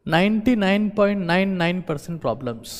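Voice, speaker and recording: A man's voice: high-pitched, expressive, a little fast. A man giving a motivational talk to viewers, urging them on and repeating his key phrases. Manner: exhorting, repeats key phrases, mixes in English. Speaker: motivational speaker. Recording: long reverberant echo.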